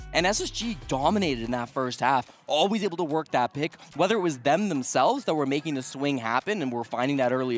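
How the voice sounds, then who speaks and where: A man giving live esports commentary and analysis, emphatic and repeating key phrases for weight. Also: medium pitch. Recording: music bed behind the voice. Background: music.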